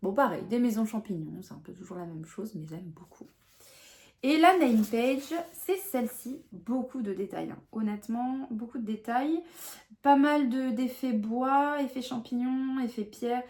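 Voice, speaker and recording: A woman's voice: on the high side, lively intonation, a little slow, a little mellow. A young adult woman chatting casually to camera about her coloring books, talking with frequent fillers and restarts.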